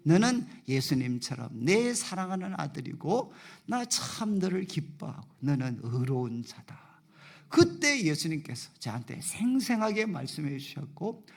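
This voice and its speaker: A male pastor preaching a sermon in a church, acting out dialogue with God in a softer voice. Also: fairly high pitch, vocal fry. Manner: animated preaching, acting out God's voice softly. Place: church sanctuary.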